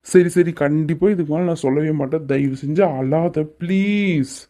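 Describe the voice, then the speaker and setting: A woman's voice: sits low, moderate pace, mellow, natural voice. A woman voicing a teasing, lovestruck young man in a cartoon, coaxing and playfully bossy. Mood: soothing. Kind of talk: cartoon voice acting.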